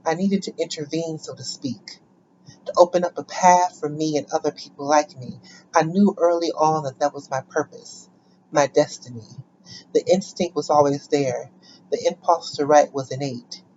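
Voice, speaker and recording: A woman performance artist delivering spoken-word poetry, chanting repeated words in rhythm and breaking into deliberate stammers. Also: sits low, fairly even intonation, darkish tone, highs cut off, a little hiss or hum. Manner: rhythmic, incantatory repetition.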